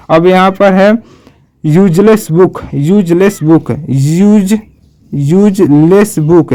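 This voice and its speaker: High-voiced Hindi-accented grammar teacher. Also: male voice, darkish tone, clean tone. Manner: slow, repetitive explaining, spelling out letters. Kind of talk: online grammar lesson.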